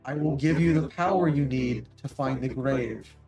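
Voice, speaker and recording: A man's voice: medium pitch, normal speed, gravelly, rough recording. A man voicing a sorrowful ancient female statue spirit through a voice changer, speaking in solemn, archaic phrases over faint music. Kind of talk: game master voicing a character.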